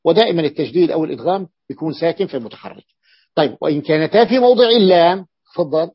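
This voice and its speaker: Husky-voiced man teaching a lesson. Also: on the high side, expressive, dry recording, highs cut off. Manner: explains slowly, repeats words, asks the class questions. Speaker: teacher of Arabic morphology. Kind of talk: classroom lesson.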